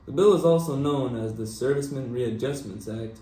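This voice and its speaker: A man playing an earnest male anchor of a 1940s newscast. He has a mellow, mid-pitched voice and a formal, scripted delivery, heard in an echoey room. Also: brisk, far from the mic, natural voice.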